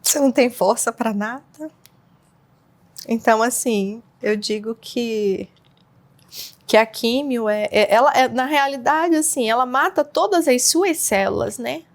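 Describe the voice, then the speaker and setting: A woman speaks as an interview guest, recounting her own experience in a halting conversational way. Her voice sits a little high and carries a noticeable gravelly fry. She often restarts her sentences and leans on small fillers. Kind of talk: personal testimony in conversation.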